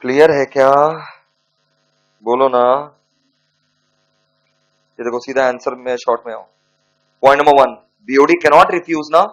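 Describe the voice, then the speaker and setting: A man teaching a law class, joking with and scolding his students and slowly dictating points to write down. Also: medium pitch, steady tone, rough recording. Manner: scolding, teasing lecturer mixing Hindi and English, dictating slowly. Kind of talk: classroom lecture.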